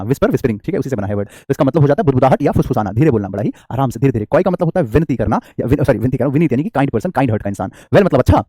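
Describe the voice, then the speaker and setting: Give me a fast, chatty male teacher with a warm, relaxed tone, running a live online class. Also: mid-range voice, dry recording, studio quality. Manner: chatty, jokey, calls students "beta", reads comments aloud. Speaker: English teacher.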